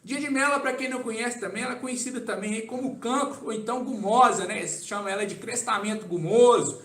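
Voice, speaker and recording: An agronomy consultant answers viewer questions in a relaxed live-stream Q&A, speaking a little fast. He has a very high voice and a Brazilian Portuguese accent, and he keeps checking in with listeners by tagging "tá?" onto his sentences. The room sounds echoey.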